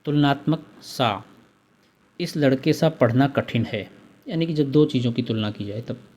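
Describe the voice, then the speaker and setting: A man's voice: mid-range voice, moderate pace, a little mellow, slightly rough, lo-fi sound. A man teaching a Hindi grammar lesson, methodically listing examples one by one and repeating the key terms.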